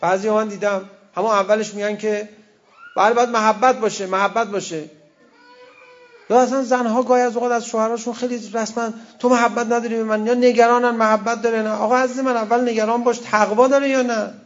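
A man preaching in an easy, conversational way, breaking off for wry asides and quoted verse. His voice sits high for a man and has a gravelly edge. The recording sounds dull and lo-fi. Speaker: cleric. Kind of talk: sermon.

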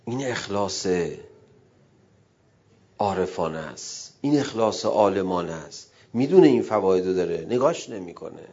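A middle-aged man preaching a sermon, emotive, dropping to a hush and rising loud as he acts out quoted dialogue. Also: low voice, lively intonation, long pauses, breathy edge, lo-fi sound. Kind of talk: religious sermon.

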